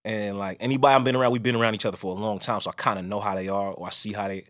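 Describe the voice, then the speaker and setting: Racing along in a low-leaning, fairly bright voice, a man hosts a podcast with fairly flat intonation. He keeps things casual and strong-voiced but rambles, repeatedly restarting what he's saying.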